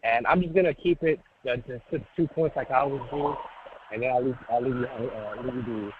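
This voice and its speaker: A man's voice: medium pitch, brisk, slight background noise. A man calling in to a sports talk show, his voice muffled because the phone is held away from his mouth, talking in a laid-back, rambling way. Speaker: sports radio caller. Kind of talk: casual call-in chat. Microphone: phone on speaker, held away. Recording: muffled, tinny phone line.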